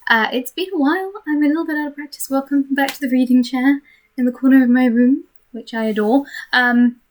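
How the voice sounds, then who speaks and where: A woman with a fairly high voice talks to her webcam from a corner of her bedroom. She rambles candidly and casually, hesitating as she thinks aloud. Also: fairly quick. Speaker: vlogger. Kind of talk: casual, rambling first-take video chat. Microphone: webcam microphone. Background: computer fan noise.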